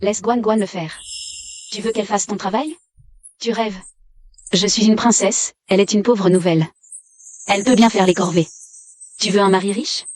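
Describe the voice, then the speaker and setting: A woman dubbing the female roles of a short drama, with a slightly breathy voice and a snappy, bickering delivery. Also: mid-range voice, steady tone, moderate pace, long pauses, a little mellow, no echo, lightly acted. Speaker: dub voice actress. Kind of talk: dubbed short drama dialogue. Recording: faint music behind the voice.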